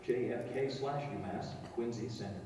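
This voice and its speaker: A man making a formal transit announcement over a station loudspeaker, heard from across the platform. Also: mid-range voice, normal speed. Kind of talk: recorded public announcement. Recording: echoey loudspeaker heard from far off.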